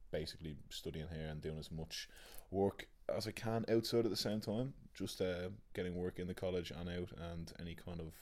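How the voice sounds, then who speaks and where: A man's voice: low voice, brisk, hardly any pauses, darkish tone. A young man with a Dublin Irish accent, casually introducing himself in a hesitant, rambling way. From Dublin, Ireland. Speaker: actor and drama student. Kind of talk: casual conversational self-introduction.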